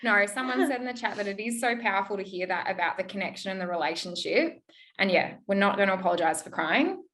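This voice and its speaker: A woman hosts a webinar over a video call, her voice sitting at an ordinary middle pitch. She asks her questions gently and keeps things moving with soft, encouraging murmurs. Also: fast. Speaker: webinar host. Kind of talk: hosting a webinar interview.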